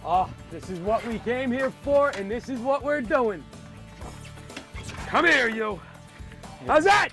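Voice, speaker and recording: Excitable high-voiced angler on a boat. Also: male voice, takes it slowly, long pauses, faint music behind. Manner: excitable, enthusiastic, laughing. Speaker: co-host angler. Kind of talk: outdoor fishing show banter. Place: open fishing boat at sea.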